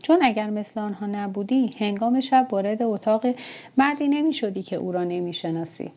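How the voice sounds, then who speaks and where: A woman voicing a calm young foreign male chariot driver in an audiobook, reading his lines plainly and evenly. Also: medium pitch, natural voice. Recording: dull, muffled audiobook recording.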